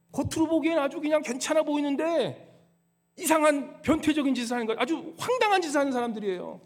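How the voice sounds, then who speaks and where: A man preaching a sermon to his congregation in a high voice. His pitch leaps and swings all over the place. He shifts between loud scolding and soft, hushed passages. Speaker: pastor. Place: church sanctuary.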